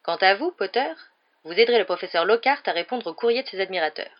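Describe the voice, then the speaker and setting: A woman's voice: mid-range voice, animated, fast talker, close to an everyday voice. A woman voicing a stern, strict witch professor in a storybook reading, curt and firm, with a dull lo-fi sound.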